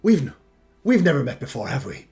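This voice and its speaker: A man voicing an excitable, elf-obsessed male halfling barkeeper with a West Country accent and breathless, gushing delight. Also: on the high side, a little fast, faint music behind. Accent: West Country English.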